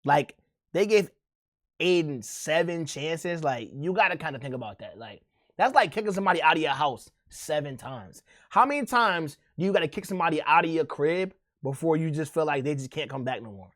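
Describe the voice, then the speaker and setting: A man chats casually on stream, talking to his viewers in a loose, slangy drawl. His voice sits a little high, and his sentences fade into quiet mumbles. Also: animated, brisk. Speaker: streamer reacting to a video. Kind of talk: casual chat.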